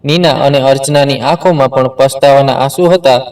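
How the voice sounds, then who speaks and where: A man's voice: medium pitch, fairly even intonation, moderate pace, a little mellow, distant mic, low-quality recording. Man narrating an emotional family story.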